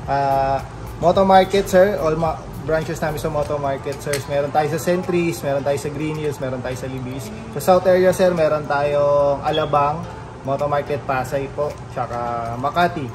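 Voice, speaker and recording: A Filipino man on shop staff politely walks through a product step by step in an informal demonstration, his voice on the high side at a moderate pace. Music plays behind him.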